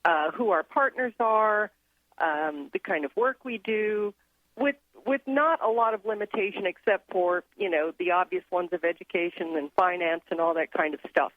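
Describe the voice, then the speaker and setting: A woman's voice: on the low side, moderate pace, dry recording. A woman raised in Thailand, speaking as a radio guest, explains her ideas earnestly and at length. Her voice comes through a thin, tinny phone line. It sounds dry and close. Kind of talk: casual radio interview.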